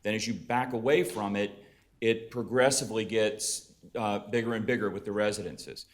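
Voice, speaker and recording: A man with a low voice presents at a county council hearing. He talks briskly and persuasively about past developments. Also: steady tone.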